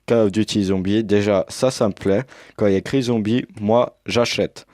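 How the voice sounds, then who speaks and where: A man's voice: lowish voice, fairly even intonation, moderate pace, a little mellow, no echo, studio quality. A young man casually commenting as he unboxes a game edition, hesitant with many fillers, recorded on a headset mic. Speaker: unboxing youtuber.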